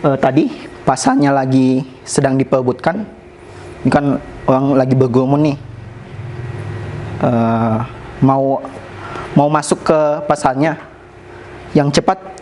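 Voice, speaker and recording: A man presenting slides at a company sharing session in a casual, relaxed way, often pausing on "eh" and mixing in English business terms. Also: mid-range voice, a little hiss or hum, rough recording.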